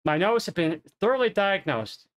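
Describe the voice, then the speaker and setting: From his home streaming room, a streamer in his thirties gives a rambling, casual update over a headset, correcting himself as he goes. He's congested and coughing, which makes his voice nasal. It's high-pitched, smooth, and very animated, at a normal speed.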